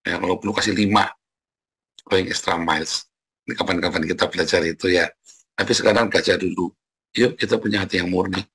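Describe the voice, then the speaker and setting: Gravelly-voiced male pastor, chatty sermon. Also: low-pitched, steady tone, fairly quick, pauses often, a bit bright. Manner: chatty, laughs often, mimics scolding voices.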